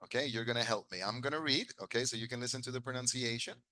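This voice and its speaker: Bright-voiced male English teacher. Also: medium pitch, dry recording. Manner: patient, explains slowly and repeats phrases. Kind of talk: bilingual classroom lesson.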